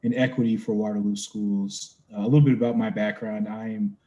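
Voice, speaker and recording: Man from South Carolina, lowish mellow voice, easy conversational panelist. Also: fairly even intonation, fairly quick, lo-fi sound. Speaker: school equity officer. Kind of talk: panel introduction.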